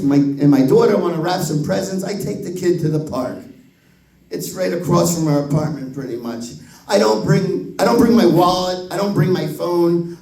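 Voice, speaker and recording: Animated profane man in his fifties. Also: on the high side, recorded from a distance. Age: 50s. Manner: profane, animated, acts out voices. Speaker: stand-up comedian. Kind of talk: stand-up comedy storytelling. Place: comedy club stage. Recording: roomy echo, voice from the mic.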